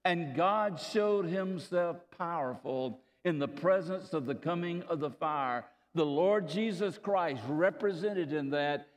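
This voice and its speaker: Slow-preaching man in a reverberant hall. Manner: slow, deliberate storytelling, dropping low on key phrases. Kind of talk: sermon.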